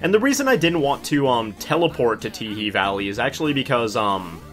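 Young male gaming host, animated intonation, informal rambling commentary, light game music underneath. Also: medium pitch, fairly quick.

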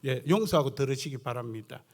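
A man's voice: medium pitch, brisk. An older man preaching a sermon in a thick Gyeongsang dialect, earthy and folksy, telling stories from his own ministry. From South Gyeongsang coast, Korea. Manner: earthy, folksy, animated storytelling. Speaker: guest pastor preaching.

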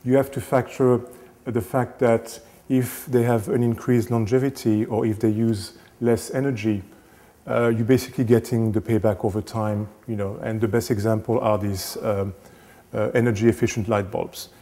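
A man in his thirties, a renovation specialist, giving a casual lecture to camera on a lapel mic, halting with many fillers and restarts. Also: fairly low pitch, steady tone, dark tone. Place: small indoor studio set.

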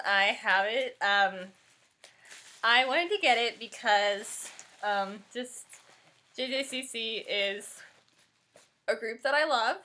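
A young woman vlogger with a bright, ringing voice talks to her camera at home. Her pitch bounces up and down a lot as she chats, excitable and a little scattered, sometimes while eating. She sounds like she is picked up by a camera mic in an ordinary room. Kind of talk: casual unboxing chat.

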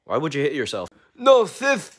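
A young man with a fairly high, lively voice performs casual phone-shot comedy skits. He is goofy and slangy, swears freely and swings around a lot in pitch. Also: normal speed. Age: teenager to young adult. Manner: goofy, profane, slangy, often bursting into yells. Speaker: short-skit video creator. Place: mostly a cluttered home garage. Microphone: phone at arm's length.

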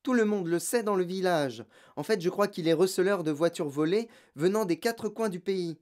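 An audiobook narrator voicing a kind, gentle schoolteacher who speaks calmly and softly. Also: female voice, on the low side, moderate pace, voice pushed up, natural voice. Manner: soft, calm, gentle. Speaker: teacher. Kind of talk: audiobook character voice.

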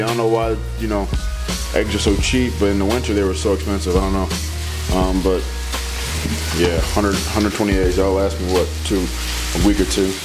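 A man with a somewhat low voice talks his way through cooking in a home kitchen, relaxed and a bit rambling. Music plays clearly behind him the whole time. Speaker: fitness trainer. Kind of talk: casual cooking walkthrough. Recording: music playing under voice.

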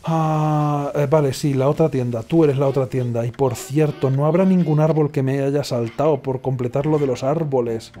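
Sarcastic, mellow-voiced gamer. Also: male voice, mid-range voice, fairly even intonation, normal speed, few pauses. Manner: sarcastic, rambling, mutters to himself. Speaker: gaming streamer. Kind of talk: casual let's play commentary. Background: faint game music.

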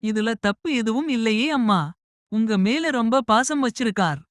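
A shy, emotional young bride-to-be with a soft, hesitant voice pitched high, as a male narrator puts her on. She speaks quietly, and the recording is dry and close. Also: moderate pace, no room sound.

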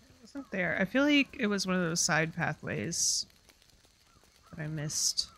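A woman's voice: on the low side, big pitch swings, measured pace, fairly bright tone. A woman streamer chatting casually and rambling with lots of fillers while playing a game. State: hiccups. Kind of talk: casual gameplay commentary.

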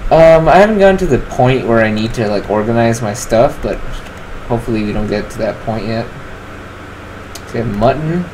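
Brisk and mid-range, the voice belongs to a twenties gaming channel host whose rough recording carries slight background noise. Relaxed and rambling, he fills his casual commentary with fillers while choosing what to craft.

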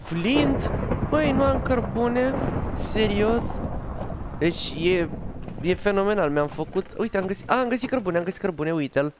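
A man's voice: sits high, expressive, noisy background. Chatty man narrating his gameplay. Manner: chatty, talks to himself and his pet dog as he plays. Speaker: gaming youtuber. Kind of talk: casual Minecraft let's play commentary.

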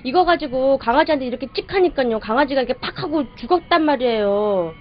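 An actor playing a naive, earnest young woman in film dialogue, gently reproachful. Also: sits high, lively intonation, fast talker. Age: young adult. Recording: dull film audio with music.

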